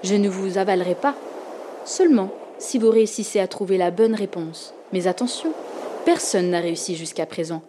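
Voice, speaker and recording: A woman voicing a hungry, merciless female sea spirit in a storybook, speaking slowly and menacingly. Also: mid-range voice, dark tone, slight background noise, lightly acted. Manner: slow, menacing, gloating.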